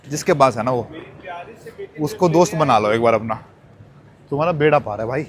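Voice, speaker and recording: Walking through a busy airport, a young man vlogs casually and talks to his viewers like friends, calling them brothers. His mid-range voice moves at a normal speed in relaxed, chatty vlog talk.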